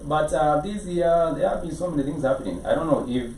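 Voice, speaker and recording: A man's voice: on the high side, a little fast, a little mellow. A man with a Kenyan accent hosting a conversational entertainment interview, wordy and repeating phrases for emphasis. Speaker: talk show host. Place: studio. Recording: echoey room, distant mic, background noise.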